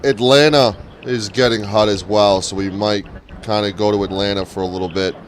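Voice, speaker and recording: A man's voice: on the low side, fairly even intonation, normal speed, a little hiss or hum, poor audio. A man hosting a casual live panel stream, greeting viewers and swearing freely. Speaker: livestream host.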